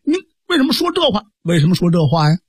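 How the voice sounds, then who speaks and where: A man voicing a blunt, hot-tempered middle-aged swordsman in traditional storytelling, gruff and needling. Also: high voice, big pitch swings, fast talker, dry recording, studio quality, full character voice. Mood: accusing.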